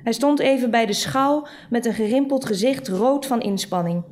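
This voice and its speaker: A woman reading a literary short story aloud in a measured, dry storytelling manner. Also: fairly high pitch, a little mellow. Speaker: reader.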